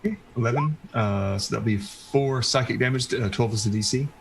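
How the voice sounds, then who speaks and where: A man's voice: medium pitch, a little fast, vocal fry. Man game master over noisy stream audio. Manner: casual, hesitant narration with fillers. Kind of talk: narrating a tabletop game.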